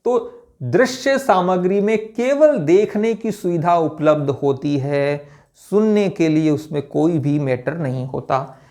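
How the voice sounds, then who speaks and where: A man's voice: on the high side, takes it slowly, a little mellow. A male lecturer giving an exam-prep lesson, who explains step by step and asks and answers his own questions.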